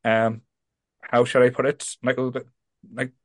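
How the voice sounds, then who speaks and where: A man's voice: mid-range voice, flat delivery, normal speed, no room sound. A man hosting a podcast in casual chat, rambling and self-deprecating. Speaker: podcast host.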